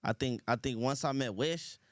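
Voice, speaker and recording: A rapper guest from Los Angeles tells his story in a casual interview, using laid-back street slang, laughing often and saying "you feel me". His voice is mid-range at normal speed, recorded dry with studio quality.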